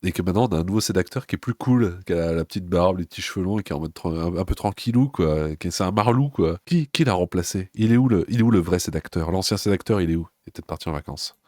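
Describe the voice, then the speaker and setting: A man with a very low voice comments casually from the side. He is slangy and sarcastic, teasing the people he talks about. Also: quick pace, few pauses, darkish tone, dry recording, clean studio sound. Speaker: mocking side commentator of a prank video.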